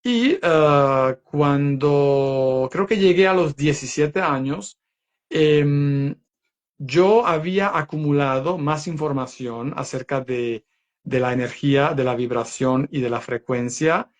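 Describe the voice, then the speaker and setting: A man's voice: a little high, slow. A young man from Croatia, speaking in a learned second language as an interview guest, telling his story earnestly and reflectively, with many fillers.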